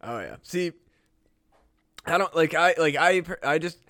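Male podcast co-host, higher-pitched, rambling, swears a lot, dry close recording. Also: expressive, a little slow, a bit bright, no echo. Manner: rambling, heavy use of "like" and swearing. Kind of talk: casual chat.

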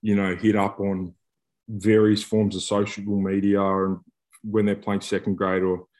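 A man with a slightly low voice co-hosts a casual podcast. He talks like one of the lads, joking and throwing in slang as he goes. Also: completely flat delivery, unhurried, darkish tone. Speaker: podcast co-host, rugby player turned coach.

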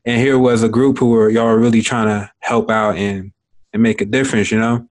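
A man's voice: lowish voice, level tone, fairly quick. A young adult man hosting an interview, talking casually with lots of fillers and informal slang. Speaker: interviewer, host. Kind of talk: casual conversation.

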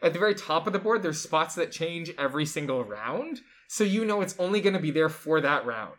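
An enthusiastic co-host walks through a board game's rules in a casual, chatty way, sprinkling in plenty of "like"s. The voice sits at a middle pitch. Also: expressive, a little fast, fairly bright tone. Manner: enthusiastic, chatty, lots of fillers like "like". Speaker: board game show co-host. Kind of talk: casual chat explaining game rules.

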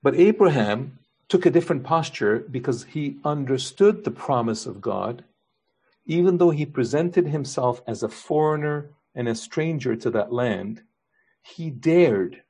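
A man's voice: mid-range voice, dark tone, husky. A man preaching a sermon as pastor, earnest, building his points with repeated rhetorical questions.

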